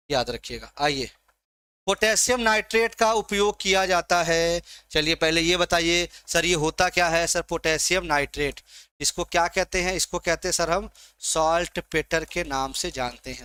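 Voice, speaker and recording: A man's voice: sits high, pushed and bright, clean tone, no room sound. A man teaching a live online exam-prep class, coaxing and teasing his students by name as he quizzes them.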